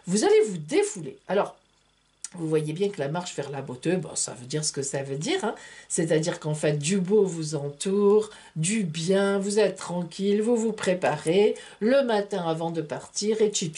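A woman's voice: on the low side, darkish tone. A woman, chatty and playful, reading a monthly horoscope from tarot cards. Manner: chatty, playful, full of fillers like hein and voilà. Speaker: tarot reader and astrologer. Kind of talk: casual horoscope reading to camera.

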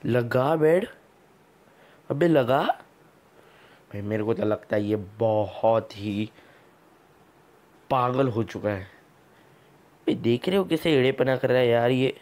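A man's voice: medium pitch, animated, slow, pauses often, a little mellow. A man hosting a gameplay video, giving casual commentary full of teasing, mock-scolding banter.

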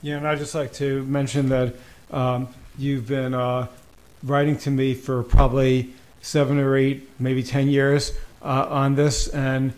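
A man's voice: medium pitch, level tone, measured pace, a little mellow. A man on a town board, speaking hesitantly with fillers in an apologetic, acknowledging manner. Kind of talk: meeting remarks.

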